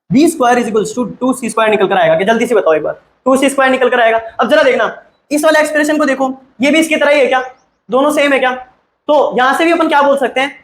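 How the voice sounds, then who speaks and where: A man with a high voice teaches maths, firing quick check-questions at his students and pushing for fast answers. He mixes English maths terms into his Hindi. The sound is echoey, as if recorded in a bare room. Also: fairly bright tone. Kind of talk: classroom-style maths lesson.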